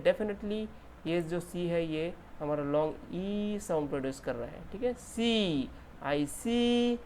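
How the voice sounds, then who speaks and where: Slow, patient man teaching vowels. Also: fairly high pitch, a little mellow, slight background noise. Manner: repeats words slowly, stretching the vowels. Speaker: English pronunciation teacher. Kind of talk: slow classroom explanation with drawn-out example words.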